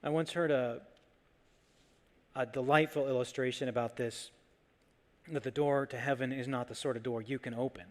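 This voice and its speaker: A man's voice: medium pitch, fairly even intonation, normal speed, pauses often, big-room sound. A male pastor preaching a sermon in a church, telling a story and building to emphatic, repeated points. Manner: storytelling, rising emphatic repetition. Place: church sanctuary.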